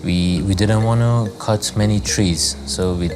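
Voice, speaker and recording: A man who grew up in Zimbabwe, a lodge owner talking casually in an interview, relaxed and rambling with many fillers. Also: fairly low pitch, a little slow. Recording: music playing under the voice.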